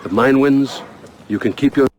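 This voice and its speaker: An actor playing an arrogant, domineering warlord king who speaks slowly and menacingly. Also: medium pitch. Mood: commanding. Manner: slow, commanding, menacing. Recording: film audio with background noise.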